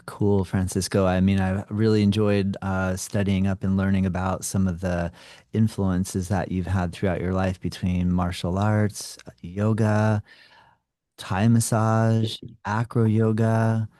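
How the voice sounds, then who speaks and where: Low, mellow-voiced podcast host. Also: male voice, flat delivery, unhurried, dry recording, studio quality. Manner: friendly, many fillers. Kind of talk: casual interview.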